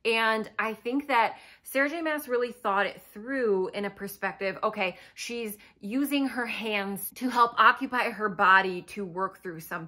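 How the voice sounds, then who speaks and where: A woman's voice: mid-range voice, pushed and bright. A woman giving a casual spoken book review, emotional and fired up with enthusiasm.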